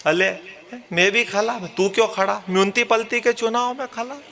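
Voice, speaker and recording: A man's voice: very high-pitched, unhurried, gravelly, a crowd in the background, heavily acted. A man voicing a lame small-town male election candidate who speaks with a lisp. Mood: stubborn.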